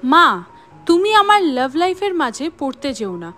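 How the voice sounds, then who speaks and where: A woman's voice: high-pitched, very animated, measured pace, fairly bright tone, soft background music, full character voice. A young man, curt and firm, who draws a line with his family, as read by a woman narrator. He speaks short and decisive.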